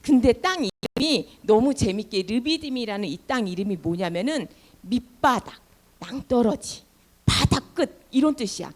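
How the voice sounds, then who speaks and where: Lively woman telling children a Bible story. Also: fairly high pitch, normal speed. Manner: animated, asks children questions. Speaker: children's ministry teacher.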